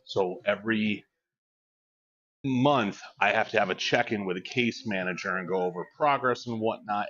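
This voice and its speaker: A man's voice: on the low side, fairly bright tone. A man in his forties chatting casually on a live stream, joking and reading chat aloud. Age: 40s. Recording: dull lo-fi mic.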